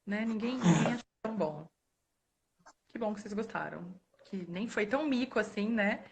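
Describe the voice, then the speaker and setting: A woman in her thirties from Brazil, a librarian telling stories in a relaxed way, laughing often and acting out the voices of the people in them. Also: mid-range voice, normal speed, vocal fry, noisy background. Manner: animated, laughs often, acts out quoted voices. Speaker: guest speaker, librarian. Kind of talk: casual storytelling in a live talk. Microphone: phone or webcam on a live stream.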